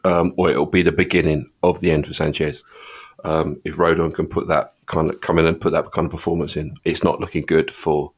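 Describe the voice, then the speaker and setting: A man's voice: rumbling low, flat delivery, a little fast, husky. A man on a football podcast chatting playfully and laughing easily. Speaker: podcast co-host. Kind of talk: casual football podcast chat.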